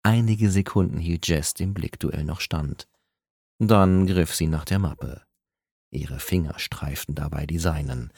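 Low-voiced man narrating a romance story. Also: measured pace, a little mellow, slightly rough, no room sound, studio quality. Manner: intimate, dramatic, lingering on phrases. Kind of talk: scripted romance audiobook narration.

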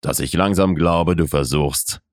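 A man voicing a calm, teasing young man who murmurs his lines low and unhurried in an audiobook romance. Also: no echo, studio quality.

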